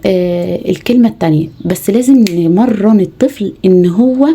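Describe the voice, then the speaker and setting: A woman's voice: mid-range voice, a little fast, mellow, breathy edge. A woman with an Egyptian Arabic accent, teaching mothers how to tutor their children, patiently spelling out letters one by one. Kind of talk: home tutoring lesson.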